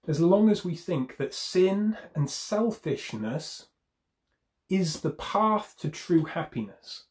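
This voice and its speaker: Man delivering a sermon, voice a touch high, emphatic and repetitive with gentle humour. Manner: emphatic, repeats key phrases. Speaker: preacher.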